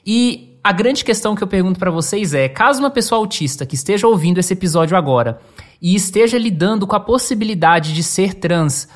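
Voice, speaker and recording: A woman hosting a podcast, putting a measured question to her guests. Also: mid-range voice, expressive. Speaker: podcast host.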